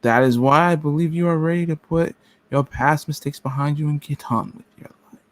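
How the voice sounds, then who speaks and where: A man acts out a cold, menacing government agent in a radio play. The voice is slightly high for a male and closely dry. The delivery is deliberate and formal, as in an interrogation. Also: dry recording, lightly acted. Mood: measured, formal. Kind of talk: amateur radio play script reading.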